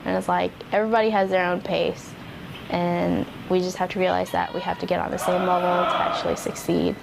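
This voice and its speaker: Even-toned young American woman recounting. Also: lowish voice, brisk, creaky, very noisy. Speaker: military recruit. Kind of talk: reflective personal account.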